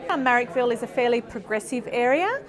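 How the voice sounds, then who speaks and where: A woman's voice: a little high, expressive, fast talker. An Australian woman from Melbourne, a local parent, speaking thoughtfully with hesitant ums in a street interview. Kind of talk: vox pop interview. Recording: street crowd noise behind.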